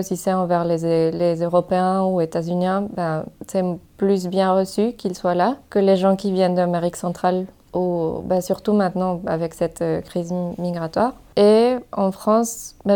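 A woman's voice: lowish voice, mellow, smooth. A young woman from Mexico, a native Spanish speaker, speaking French with a Mexican Spanish accent in a thoughtful, hesitant interview, with frequent fillers and restarts. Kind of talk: casual interview talk.

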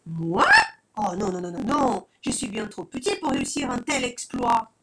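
A woman's voice: lowish voice, wildly swooping pitch, normal speed, vocal fry, heavy background noise, heavily acted. A woman voicing a shy little boy rooster who protests nervously, in a children's storybook. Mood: timid.

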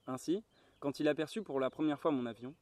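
Male audiobook reader, mellow and unhurried, in a garden. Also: a little high. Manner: calm, measured reading. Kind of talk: audiobook narration. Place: garden, outdoors.

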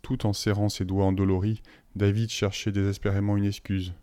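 A man narrating an audiobook in a calm, measured storytelling voice. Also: lowish voice, clean tone, dry recording. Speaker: audiobook reader.

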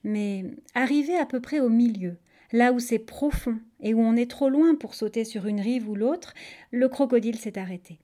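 A woman's voice: fairly high pitch, moderate pace. A woman narrating a children's tale expressively, speaking straight to her listeners. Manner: expressive, addresses listeners directly. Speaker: storyteller.

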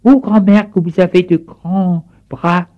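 Man doing a sweet little girl voice, high and mellow, storybook style. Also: fairly even intonation, a little slow, dull audio. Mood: wondering. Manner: sweet, questioning.

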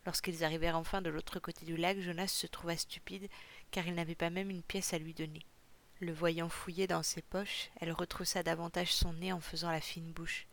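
Audiobook narrator, gravelly, steady and even, reads fiction aloud. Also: medium pitch. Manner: measured, even storytelling. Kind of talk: audiobook reading.

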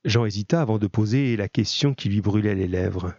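A man reading a novel aloud in steady, measured narration. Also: fairly low pitch, no echo, muffled recording. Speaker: audiobook reader.

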